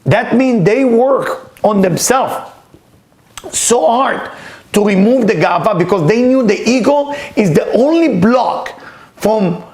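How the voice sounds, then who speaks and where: A Hebrew-speaking spiritual teacher gives an earnest, emphatic weekly talk, repeating key words for weight. His voice is high-pitched, expressive, slow and a little mellow.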